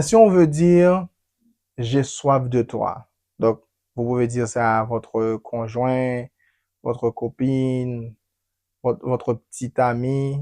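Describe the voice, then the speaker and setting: Slow, patient male English teacher. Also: medium pitch, a little mellow. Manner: drills phrases by repetition, keeps checking with "ok?". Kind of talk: bilingual language lesson.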